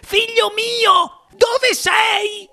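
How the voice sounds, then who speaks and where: A man doing a shrill, wailing panicked mother. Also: fairly even intonation, very slow, sharp tone, raised voice, exaggerated voice. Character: frantic mother, shrill and tearful. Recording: music playing underneath.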